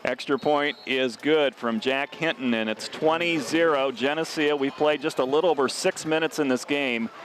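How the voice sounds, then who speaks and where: A man in a middle register calls a small-town high school football game from an outdoor booth, with faint open-air noise behind him. His delivery stays steady and even through the plays. It climbs hard and loud when a runner breaks free. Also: normal speed, few pauses. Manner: steady, rises sharply on scoring plays. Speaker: play-by-play announcer.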